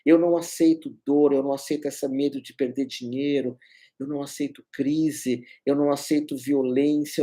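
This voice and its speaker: A man's voice: on the high side, dark tone. A middle-aged man gives a spiritual self-help talk as a holistic therapist, emphatic and repeating his key phrases.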